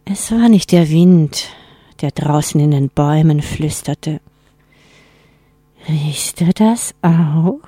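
A woman narrating a scripted horror story in a measured, suspenseful way. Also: low voice, mellow, no echo.

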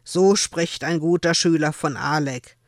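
A woman's voice: sits low, unhurried, no room sound. Woman doing a chill kindly blacksmith guy, soothing, dry sound.

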